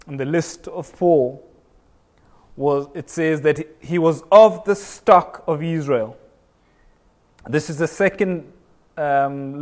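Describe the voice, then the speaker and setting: Man, young, from Kenya, preacher, sermon, earnest, repetitive emphasis, slightly high voice. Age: young adult. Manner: earnest, repeats phrases for emphasis, frequent restarts.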